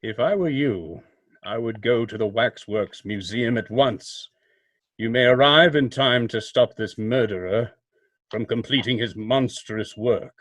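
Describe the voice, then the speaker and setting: In an old-time radio mystery, a male actor with a mid-range, natural voice plays a mysterious, self-assured vigilante. His delivery is formal, portentous and deliberate, the mood ominous, with no room sound at all.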